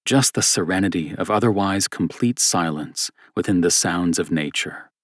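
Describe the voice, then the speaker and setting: A man narrating an audiobook novel in a steady, measured reading style. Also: low-pitched, no room sound, clean studio sound.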